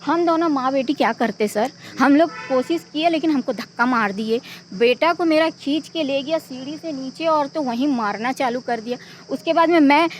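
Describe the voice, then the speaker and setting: A woman's voice: high voice, normal speed, slight background noise. A middle-aged woman, the mother of a victim, giving an urgent, pleading eyewitness account in a news interview.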